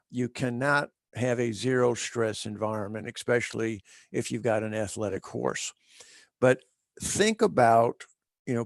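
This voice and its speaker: Gravelly-voiced man giving a vet webinar. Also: medium pitch, no room sound, studio quality. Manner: measured, with frequent fillers and restarts. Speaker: equine veterinarian presenter. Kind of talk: educational webinar talk.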